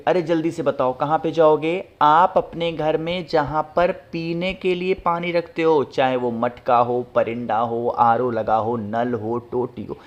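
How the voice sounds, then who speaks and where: A man hosting his channel, giving step-by-step instructions and tossing rhetorical questions at viewers, often checking they follow. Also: on the high side. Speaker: channel host.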